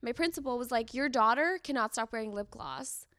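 Woman guest, from San Diego, storytelling, casual, higher pitch, dry sound. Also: animated, a bit bright, no room sound. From San Diego, USA. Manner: open, storytelling, quick bursts. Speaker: podcast guest, content creator. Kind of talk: casual interview chat.

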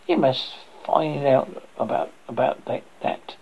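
A reader voicing a fussy, half-blind old woman who exclaims in a gravelly, husky voice. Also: mid-range voice, slow pace, highs cut off, heavily acted. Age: older.

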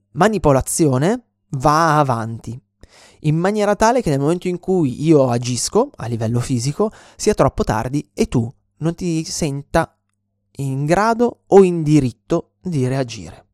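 A man's voice: a little high, darkish tone, no echo, clean studio sound. A man teaching a self-defense lesson in an earnest explanatory way, often restarting and checking in with "ok?". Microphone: close mic.

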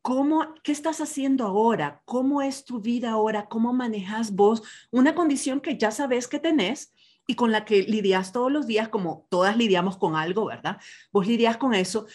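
A woman hosting an interview podcast, explaining ideas calmly and asking questions. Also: on the high side, moderate pace. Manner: calm, explanatory, uses voseo. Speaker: podcast host.

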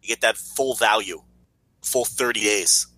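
A tired man with a worn, hoarse voice in casual podcast banter, foul-mouthed and griping, repeating phrases for emphasis. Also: lowish voice, a little slow, bright, forceful tone. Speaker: podcast co-host.

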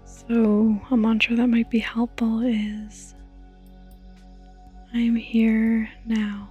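A woman narrating a guided sleep meditation like a bedtime narrator, in a soft, breathy near-whisper with a gentle, soothing manner. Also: fairly high pitch, flat delivery. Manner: slow, soothing, gentle, with long pauses. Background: rain sounds and faint music.

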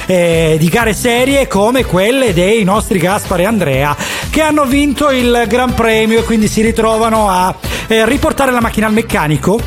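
High-pitched male radio host. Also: lively intonation, moderate pace, soft background music. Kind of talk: casual radio chat.

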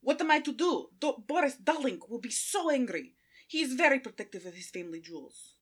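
A woman's voice: high-pitched, very animated, fairly quick, slightly rough, heavily acted. A woman voicing a dramatic, flighty countess with a put-on Russian accent, drawling melodramatically in a comic radio play. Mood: distressed. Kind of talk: comic old-time radio play acting.

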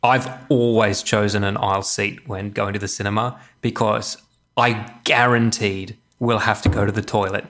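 A man's voice: on the low side, level tone, moderate pace, a bit bright. A middle-aged man chatting casually as a podcast co-host, his voice echoing in an unfurnished room. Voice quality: echoey sound. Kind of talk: casual chat. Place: indoors in an empty house with no furniture. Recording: echoey empty unfurnished room.

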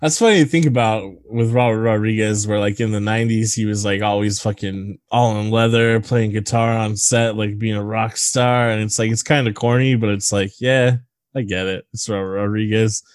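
A man's voice: on the low side, fairly even intonation, moderate pace, no room sound, studio quality. A man co-hosting a casual movie podcast, crude and joking, rambling with fillers. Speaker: podcast co-host.

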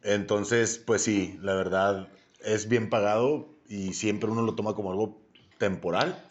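A man's voice: lowish voice, fairly even intonation, a little slow, muffled recording. A man, an easygoing call center trainer in a casual chat. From Chihuahua, Mexico.

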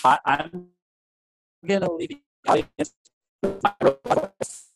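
A man's voice: sits high, measured pace, gravelly. A man who is a podcast guest, talking casually over an online call, his voice turned garbled and robotic by a breaking internet connection. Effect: garbled robotic-sounding voice from a breaking internet connection. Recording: distant, glitchy online call audio.

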